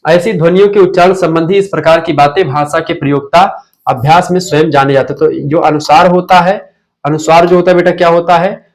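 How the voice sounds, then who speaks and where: Male tutor, slightly high voice, runs a quick drilling revision class online. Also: fairly even intonation. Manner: drilling, asks questions then answers them himself. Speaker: teacher.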